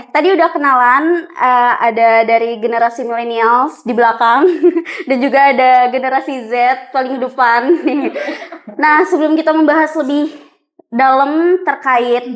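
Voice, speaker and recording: A young woman hosting a casual podcast chat, chatty with many fillers. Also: high voice. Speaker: podcast host.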